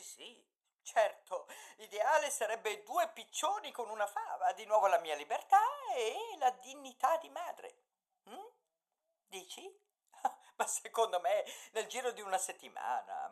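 An actress playing a scheming, theatrical older mother in a radio drama, who swoops about and drops into whispers. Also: on the high side. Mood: conspiratorial.

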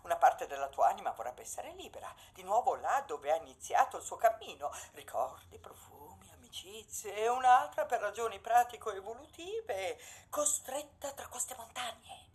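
A woman's voice: a little high, darkish tone, husky, full character voice. An actress playing a scheming, theatrical older mother in a radio drama, who swoops about and drops into whispers.

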